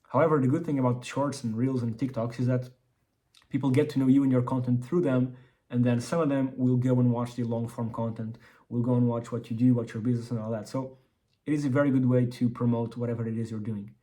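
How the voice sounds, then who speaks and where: In this casual business update vlog, a mellow-sounding man speaks briskly in a mid-range voice with an even tone. Braces make his articulation slightly impeded. The entrepreneur vlogger rambles and often repeats or restarts words.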